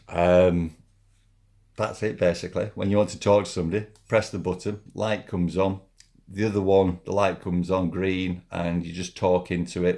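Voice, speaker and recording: A man with a low voice talks through a hands-on product demonstration. His delivery is casual and a little halting, and he repeats himself as he works through each step. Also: gravelly, a little mellow. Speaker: product reviewer.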